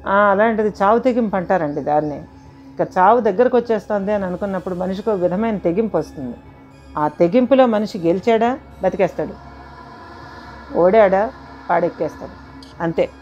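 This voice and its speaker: A woman's voice: medium pitch, warm tone. Woman telling a dramatic first-person tale. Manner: dramatic, addresses listeners directly, mixes in English phrases. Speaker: storyteller recounting her own experience. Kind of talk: first-person spoken horror storytelling. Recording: dull lo-fi audio with faint music.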